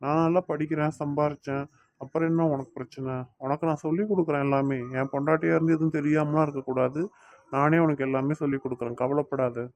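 A man's voice: on the high side, level tone, quick pace, a little mellow, no room sound, highs cut off, natural voice. A man voicing a teasing but doting young man in a cartoon, speaking with a Tirunelveli Tamil accent. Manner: teasing, coaxing, playfully scolding. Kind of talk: cartoon voice acting.

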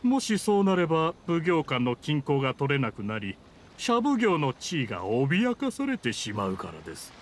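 A man plays a scheming, easily riled official in a Japanese anime game, sounding formal and pompous, defensive and indignant, with a defiant, smug mood. His fairly high voice has a sing-song lilt at normal speed. The game dialogue sits over ambient scene noise.

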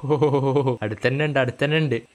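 A man with a Malayali accent giving casual, joking commentary on a game he is playing, breaking into loud excited yelling when the action heats up. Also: medium pitch, moderate pace, background noise. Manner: chatty and joking, bursts into loud excited yelling during fights. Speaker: gaming channel host.

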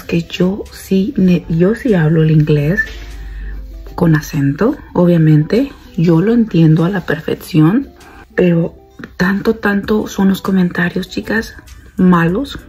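A young woman talks straight to her viewers in a loose, chatty vlog, circling back and repeating herself. Her voice sits a little low, dark and mellow in tone, with a very husky, breathy texture. Soft music plays faintly behind her. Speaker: vlogger. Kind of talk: casual chat to viewers.

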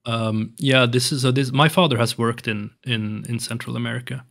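This casual interview features a young Swedish guest, Swedish his first language, talking in English with much hesitation and many restarts. His voice is medium-pitched, steady and moderately paced, a bit bright with vocal fry. He's set up with headphones and a large studio mic on an arm in a home room with shelves and colored lights.

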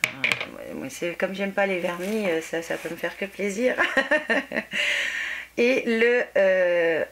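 A woman with a French accent chatting casually as she unboxes a gift parcel on her beauty vlog, exclaiming often and filling pauses with "euh". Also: on the low side, sing-song, noisy background. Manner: chatty, exclaiming, many fillers. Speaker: beauty vlogger.

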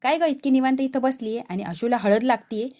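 A woman's voice: high voice, brisk, warm tone, close to an everyday voice. A woman voicing a hot-tempered young man who scolds his friend in exasperation. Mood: annoyed. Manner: agitated, scolding.

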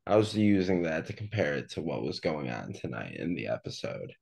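A man's voice: rumbling low, big pitch swings, fairly quick, vocal fry, a little mellow, slightly rough. A young man co-hosting a casual review chat, dry and keeping the talk on track. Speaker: co-host.

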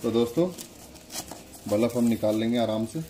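A product demonstrator and channel host narrates a casual step-by-step demo, pointing things out as he explains. He speaks at a normal speed in a flat, mellow, medium-pitched voice over soft background music.

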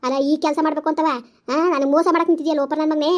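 A woman's voice: sits high, level tone, very fast, close to an everyday voice. Woman playing a furious cursing village mother-in-law. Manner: loud, cursing, repeating insults. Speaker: village skit actor. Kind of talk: village comedy skit acting.

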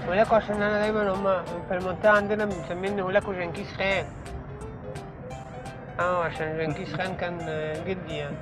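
Egyptian man, prank cab driver, deadpan nonsense, high voice, fast, music behind. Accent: Egyptian Arabic. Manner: joking, rambling nonsense with a straight face. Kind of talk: hidden-camera prank banter. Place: inside a taxi. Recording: loud music over the voice.

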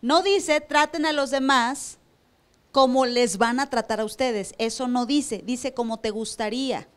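A woman's voice: fairly high pitch, measured pace. A woman pastor preaching a sermon to a church, asking the room rhetorical questions and acting out church members. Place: church service.

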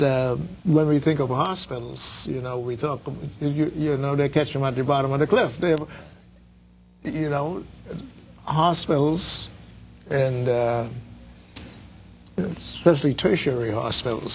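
An older man from the Bahamas interviewing a guest in a TV studio, halting, with many repeated words and fillers. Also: medium pitch, gravelly, muffled recording, a little hiss or hum. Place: dark TV studio. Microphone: lapel mic.

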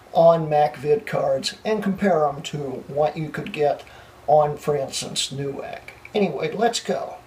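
Hoarse and coughing as his voice fades, a young male tech vlogger laughs through his own flubs in a blooper reel, clearly flustered. His voice is a bit high-pitched yet darkish in tone, and he talks slowly. A distant camera mic a few feet away captures him in a small computer room, with a light hiss.

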